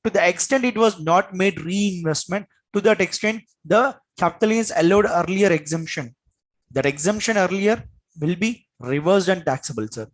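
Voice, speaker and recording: An exam coach with an Indian accent lectures a classroom in a high-sitting, expressive voice at normal speed. He is emphatic and repetitive, frequently stopping to check in with questions.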